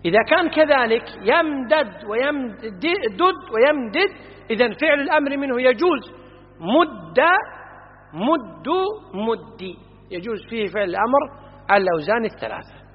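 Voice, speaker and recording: A man teaching from a classical grammar book, patiently explaining and slowly repeating word forms, checking that his listeners follow. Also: very high-pitched, expressive. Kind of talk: classroom lecture. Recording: muffled recording in a reverberant hall.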